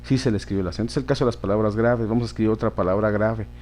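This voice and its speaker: A man's voice: lowish voice, fairly even intonation, very fast, darkish tone. A man teaching a grammar lesson, patiently repeating words and checking in with his listeners.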